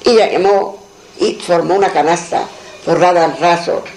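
A man's voice: high voice, normal speed, darkish tone, slight background noise, low-quality recording. A man telling a folk tale aloud in a plain, repetitive storytelling manner, voicing the characters' lines himself.

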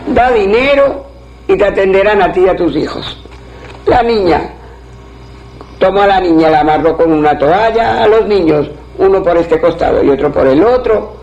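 A man's voice: high voice, a little mellow. A man telling a traditional folktale aloud in a repetitive, rhythmic way, on a dull lo-fi recording. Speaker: storyteller.

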